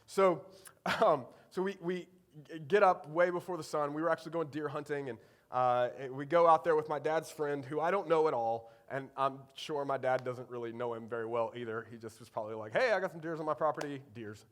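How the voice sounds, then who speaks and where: A man's voice: on the high side, steady tone, brisk. A man from preaching a sermon, telling a personal story in a conversational way with many fillers. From Eastern North Carolina. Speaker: pastor.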